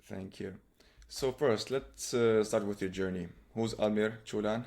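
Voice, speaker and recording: A man's voice: on the low side, fairly even intonation, unhurried, vocal fry, a little mellow. A man hosting an interview, asking brief and polite questions. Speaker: host.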